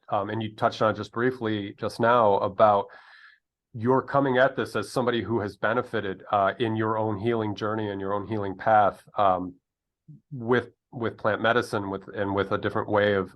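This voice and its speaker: A man's voice: fairly low pitch, a bit bright. A man hosting an interview, friendly and talking with many ums and uhs. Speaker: interview host. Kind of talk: casual interview talk.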